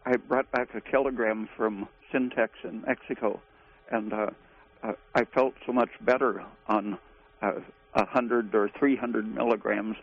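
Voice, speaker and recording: A man speaking as a guest expert on a call-in radio show, halting, with frequent pauses. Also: fairly low pitch, steady tone, slight background noise. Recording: tinny phone line.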